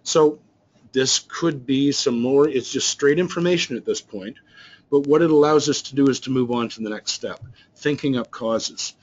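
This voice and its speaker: Heard through lo-fi sound, a man's medium-pitched, slightly dark voice moves at normal speed. He's a business trainer explaining slides in a recorded webinar, loosely and with many fillers and restarts.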